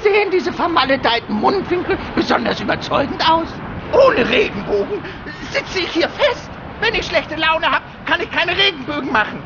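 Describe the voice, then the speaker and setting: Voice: very high-pitched, sing-song, normal speed, dull audio, crowd noise, exaggerated voice. An actor playing a small, cranky, mischievous male leprechaun in a video game, scolding theatrically. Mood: grumpy. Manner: scolding, theatrical, full of quaint insults. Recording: clear background ambience noise.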